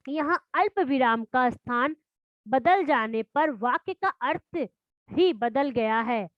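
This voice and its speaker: High-voiced woman teaching grammar. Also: no room sound. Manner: reads definitions slowly, then explains with questions to pupils. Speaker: school teacher. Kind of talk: classroom grammar lesson. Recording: dull lo-fi dry recording.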